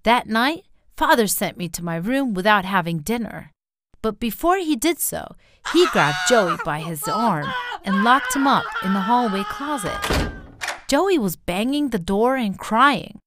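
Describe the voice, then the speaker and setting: Expressive woman storyteller, lively pitch. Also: measured pace, noisy background. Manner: expressive storytelling, acting out quotes. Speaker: narrator. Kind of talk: scripted story narration.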